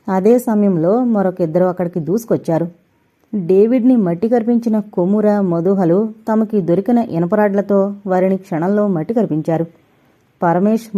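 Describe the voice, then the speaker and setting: A woman narrating an audio novel in a steady, even storytelling manner. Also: mid-range voice, dull audio.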